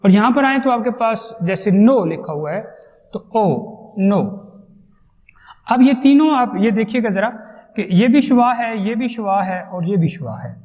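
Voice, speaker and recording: High-voiced man teaching phonetics, echoey hall. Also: expressive, darkish tone. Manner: explains patiently, sounding out each sound slowly. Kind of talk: classroom lecture.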